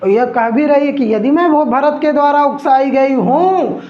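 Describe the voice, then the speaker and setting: A male teacher slowly explaining an exam lesson, repeating lines and calling his students son. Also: extremely high pitch, echoey room, muffled recording.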